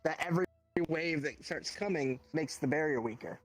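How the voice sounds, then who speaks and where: A man's voice: a little high, normal speed. Laid-back man with an Alabama drawl. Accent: Southern US (Alabama). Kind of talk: casual out-of-character chat.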